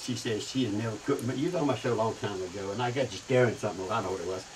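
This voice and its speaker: A man's voice: fairly low pitch, rapid-fire. Older man, cooking show host, folksy, repetitive, distant mic, faint outdoor hum. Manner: folksy, repeats words, laughs at own jokes. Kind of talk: casual chat. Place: outdoor patio set with garden.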